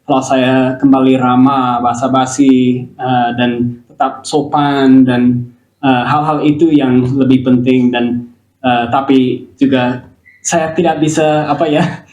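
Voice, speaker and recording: A man from the United States, a native English speaker with an American accent, speaking learned Indonesian haltingly as a foreigner in a casual interview, searching for words. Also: medium pitch, little pitch movement, darkish tone. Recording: echoey room.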